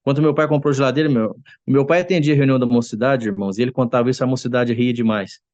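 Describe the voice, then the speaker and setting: A man gives an earnest testimony before a church congregation. His voice sits at an ordinary middle pitch, and the sound is close and dry with no room echo. He often turns to his listeners as brothers as the story goes on. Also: steady tone, fast talker, darkish tone, dull audio. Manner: acts out quoted voices. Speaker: church member giving testimony.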